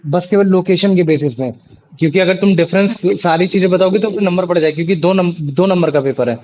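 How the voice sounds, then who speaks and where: Young male tutor, high-pitched and chatty, on a muffled video call. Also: brisk, darkish tone, a little hiss or hum. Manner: chatty, repeats checking questions. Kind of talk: online class teaching. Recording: dull lo-fi online call audio.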